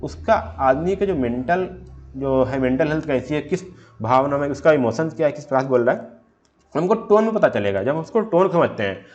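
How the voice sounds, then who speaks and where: A man's voice: fairly high pitch, lively intonation, brisk, darkish tone, lo-fi sound. Man teaching a revision lecture. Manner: explains while reading English definitions from slides, then restates them plainly; asks himself rhetorical questions and answers them.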